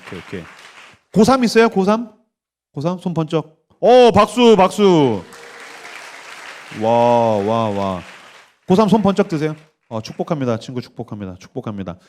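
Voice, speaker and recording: A man's voice: on the high side, brisk. A pastor in his forties giving a sermon at a youth summer camp, leading the crowd to repeat after him and acting out quoted voices. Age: 40s. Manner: animated, acts out quoted voices, leads call-and-response. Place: church stage at a summer camp.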